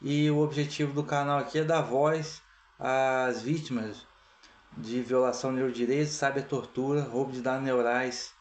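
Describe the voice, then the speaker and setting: A Brazilian man presiding over an association meeting, opening it in a measured, formal way with frequent "tá?" tags. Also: medium pitch, steady tone. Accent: Brazilian Portuguese. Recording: echoey room.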